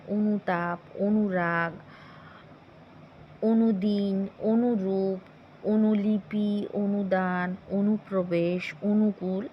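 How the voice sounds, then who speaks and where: A woman's voice: medium pitch, muffled recording, a little hiss or hum. A woman teacher giving an exam-prep grammar lesson, reading out long lists of words one by one and asking herself a short question before each list.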